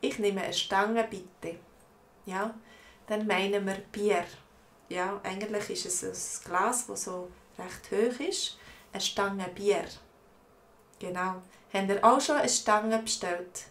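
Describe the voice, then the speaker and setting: Slow-spoken Swiss woman teaching. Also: mid-range voice, steady tone, echoey room. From Switzerland. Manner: slow, explanatory, repeats words for learners. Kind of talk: live online language lesson, reading viewer comments.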